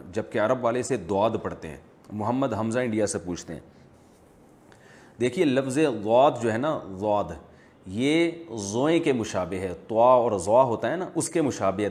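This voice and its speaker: Calm, measured male Islamic scholar. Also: lowish voice. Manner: measured, explanatory, teacherly. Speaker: Islamic scholar answering viewer questions. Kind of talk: religious Q&A lecture.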